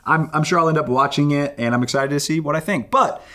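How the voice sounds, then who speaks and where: A young man co-hosts a casual youth ministry chat. He talks in an animated, upbeat way and likes to build up hype, with a voice pitched slightly high for a man. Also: fast talker.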